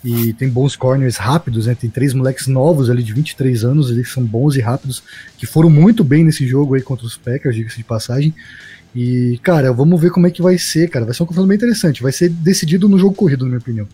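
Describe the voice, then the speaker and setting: A man's voice: medium pitch, fast, dark tone, husky. A Brazilian man talking football casually as a live stream panelist, in a slangy, rambling way.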